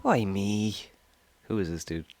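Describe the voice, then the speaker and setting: A man voicing a sinister, panicked male murderer with a mock-villainous, drawn-out delivery. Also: on the low side, expressive, over music. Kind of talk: reading game dialogue aloud while playing.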